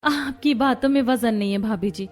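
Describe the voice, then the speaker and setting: A woman voicing a scornful, sharp-tongued middle-aged mother-in-law in a cartoon story. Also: fairly high pitch, normal speed, natural voice. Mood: mocking.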